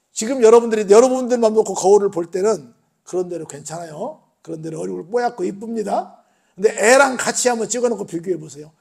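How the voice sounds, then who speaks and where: A male pastor with a high-pitched voice preaches a sermon. He retells the story in colloquial language and keeps asking his listeners questions. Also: gravelly, warm tone, slightly rough.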